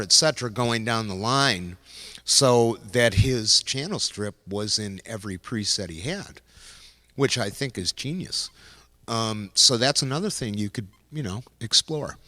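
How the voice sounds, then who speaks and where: Bright-voiced man rambling about gear. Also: medium pitch, long reverb tail. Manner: rambling, loose, frequent restarts. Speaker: host demonstrating music gear. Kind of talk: casual gear talk to camera. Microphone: handheld vocal mic into a loop station.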